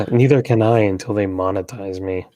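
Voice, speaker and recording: Hushed, low-voiced man on a livestream. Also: steady tone, moderate pace, dry recording, clean studio sound. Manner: hushed, keeping voice down to a near whisper. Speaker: livestream host and comic artist. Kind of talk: casual livestream chat.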